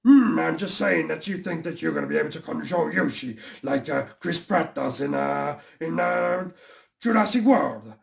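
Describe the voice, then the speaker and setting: A man voicing a scheming dragon-turtle villain king, talking slowly and smugly. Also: fairly high pitch, lively intonation, creaky, echoey room, pitched above the performer's own voice. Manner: slow, smug and gloating.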